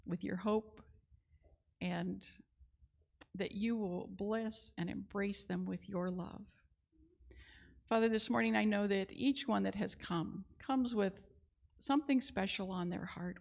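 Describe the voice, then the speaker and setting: An older woman leads the congregation in prayer, her words earnest and unhurried. Her voice carries a slight gravelly texture at a mid pitch. She speaks into a handheld microphone in a large church hall. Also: a little mellow. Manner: earnest, measured praying. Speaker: prayer leader at church service.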